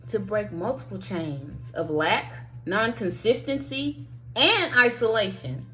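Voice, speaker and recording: Slow, bright-voiced woman coaching listeners. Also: mid-range voice, lively intonation. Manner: earnest, encouraging, addresses listeners directly; heartfelt, drops to near whispers. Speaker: spiritual life coach. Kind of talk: motivational monologue.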